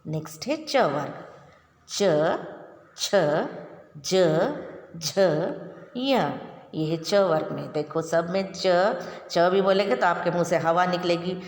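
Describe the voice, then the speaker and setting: A woman teacher talks children through a grammar lesson at an unhurried pace, repeating every definition twice. Her voice is gravelly and sits a little low. It rings with a long reverb, and a faint noise runs behind it. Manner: slow, patient, repeats each definition twice. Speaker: primary school Hindi teacher. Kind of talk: recorded classroom lesson for children.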